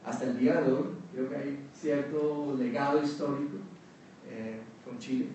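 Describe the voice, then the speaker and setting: A Colombian man on an academic round-table panel presents his research in a mild, fairly neutral accent, speaking in a measured, hesitant way with frequent filler pauses. His mid-range voice is dark and mellow with fairly even intonation, captured from a distance in lo-fi sound. The large conference hall echoes heavily, with a faint hum of room noise underneath.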